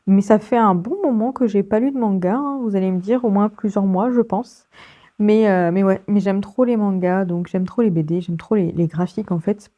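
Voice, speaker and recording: Chatty young French woman vlogger, mellow tone, filler-heavy casual talk. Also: medium pitch, normal speed, lo-fi sound. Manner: chatty, many fillers and giggles. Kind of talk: casual vlog chat.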